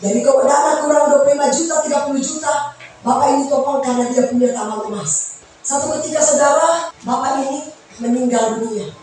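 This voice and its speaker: A woman preaching a sermon, swinging between sung, shouted lines and hushed asides. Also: high-pitched, quick pace, a little hiss or hum. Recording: very echoey hall, heard from a distance.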